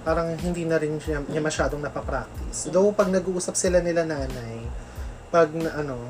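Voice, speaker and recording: A woman from the Philippines in casual chat as co-host, chatty and quick to laugh, mixing English into her talk. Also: deep voice. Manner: chatty, laughs often, mixes English into Tagalog. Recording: music playing behind.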